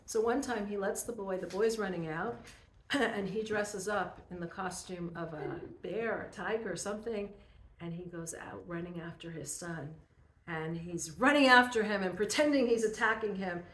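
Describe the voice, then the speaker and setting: A woman's voice: medium pitch, normal speed, a little hiss or hum. Earnest woman teaching a Torah class. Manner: earnest, animated storytelling to a group. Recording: roomy echo.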